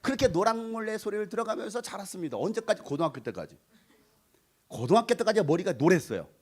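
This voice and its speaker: A middle-aged man from North Jeolla preaching a revival sermon in a church. His voice sits high and swings widely in pitch, and he tells stories in a playful, animated way, sometimes acting out voices and joking with the crowd. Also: fast. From Korea, North Jeolla. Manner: animated and playful, sings snatches of song and acts out voices; jokes with the congregation and asks them to raise hands. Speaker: pastor. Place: church sanctuary.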